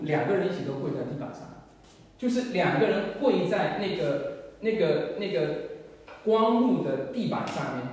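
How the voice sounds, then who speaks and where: A man preaches to his congregation, sharing an earnest and emotional story from his own ministry. His voice sits slightly high. He is recorded from well back in a church hall with heavy echo and a long reverb tail. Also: a little mellow. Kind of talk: sermon testimony. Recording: echoey church hall, mic far off.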